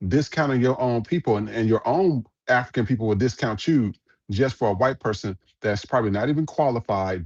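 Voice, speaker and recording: A man's voice: on the low side, darkish tone, no echo, muffled recording. A man hosting a podcast, giving blunt, profane, rambling commentary on viral clips. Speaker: podcast host.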